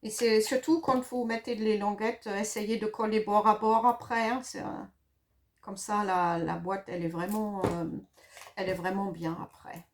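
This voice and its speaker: A woman's voice: medium pitch, fairly even intonation, moderate pace. A middle-aged woman from Germany with a German accent, explaining a paper craft project in a casual, hesitant way with many fillers and self-corrections. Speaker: craft demonstrator.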